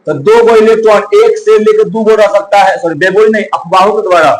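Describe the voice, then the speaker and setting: A man's voice: high-pitched, brisk, rough recording. A male coaching teacher, giving a chemistry lesson, asking and answering his own questions and counting aloud.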